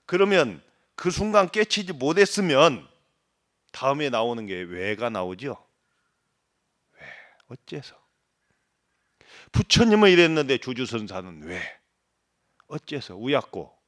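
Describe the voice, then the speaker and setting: This is a middle-aged Buddhist monk's dharma talk, delivered at a moderate pace in a very animated, mid-range voice. He puts questions to his listeners, does impressions of regional dialects, and alternates loud stresses with soft asides.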